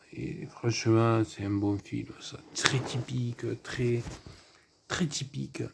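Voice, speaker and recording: A man's voice: lowish voice, creaky, dark tone. A man giving a casual, rambling film review, full of asides and fillers.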